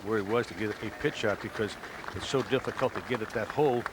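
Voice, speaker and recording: Man, golf broadcast analysis, fairly low pitch, conversational, noisy outdoor setting. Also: fast. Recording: crowd and outdoor noise behind broadcast.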